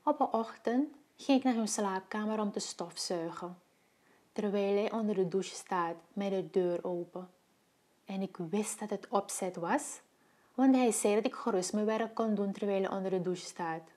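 A woman's voice: medium pitch, darkish tone. A woman with a Surinamese Dutch accent, a domestic worker speaking a scripted monologue in a troubled, searching way. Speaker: domestic worker telling her story.

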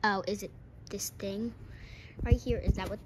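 A woman making a playful home sketch with toys, goofy and giggly, now and then bursting into shouts. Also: medium pitch, steady tone, normal speed, heavy background noise. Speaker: video maker.

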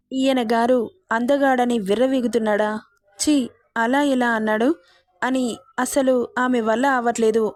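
A woman storyteller giving a steady, dramatic scripted narration of a romance story. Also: on the high side, no room sound.

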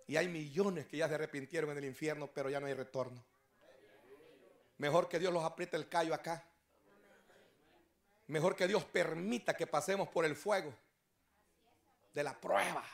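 A male pastor preaching an evangelistic sermon, telling stories and building up to shouted exhortations. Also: fairly high pitch, gravelly. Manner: storytelling preacher who rises to shouted exhortation. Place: church service.

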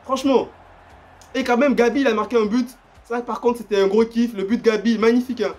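A young man commentating his own football video game match, excitable and slangy, repeating himself and breaking into shouts and laughs. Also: very high-pitched, a little fast. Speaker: gaming YouTuber. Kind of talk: live gameplay commentary.

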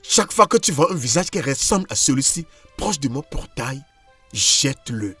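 A curt, cold husband. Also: male voice, medium pitch, sing-song, moderate pace, a bit bright, slightly rough, soft background music. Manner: curt, firm. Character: cold, dismissive husband rejecting his ex-wife. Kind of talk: French film dub.

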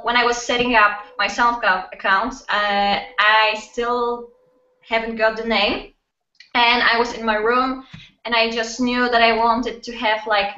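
A young woman with a Polish accent, a guest in a casual video-call interview, talking haltingly with many fillers and restarts. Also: a little high, sharp tone. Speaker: guest musician. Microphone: webcam. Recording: distant, echoey, dull webcam audio.

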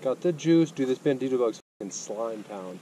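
A man's voice: medium pitch, expressive, moderate pace, mellow. A young man chatting casually while fishing outdoors by a lake, laughing and cursing easily. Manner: laid-back, laughing, swears casually. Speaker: fishing vlogger. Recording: wind noise on an outdoor mic.

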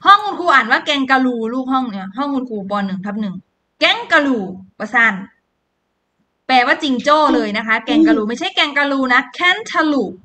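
A woman's voice: high-pitched, expressive, sharp tone. A woman teacher with a Thai accent, leading young pupils through an English pronunciation drill on a video call, drawing out each word. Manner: slow, drawn-out modeling of each word for children. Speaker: primary school English teacher. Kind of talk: online class pronunciation drill.

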